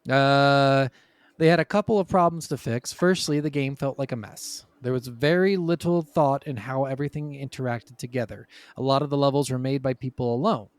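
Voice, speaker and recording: With a clear, resonant, medium-pitched voice, a man hosts a gaming podcast and spins casual stories about video games at a moderate pace. He's informal and swears freely, and there's no room sound at all.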